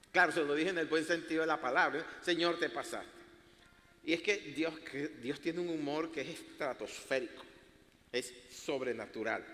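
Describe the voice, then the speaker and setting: In an echoey church hall, a pastor with a high-leaning, sharp-toned voice preaches a sermon. He teaches playfully and laughs at himself along the way.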